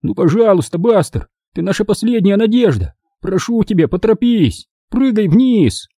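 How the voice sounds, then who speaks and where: Man voicing panicky boy, pleading, excited, high, lively. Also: unhurried, slightly rough, no room sound, clean studio sound, exaggerated voice. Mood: desperate pleading.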